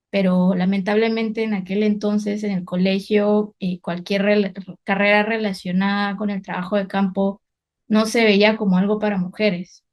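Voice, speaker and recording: Woman, 30s, from Guatemala, environmental researcher; mid-range voice, reflective and unscripted, full of hesitations. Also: medium pitch. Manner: reflective, many fillers and restarts. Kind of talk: personal career story, unscripted.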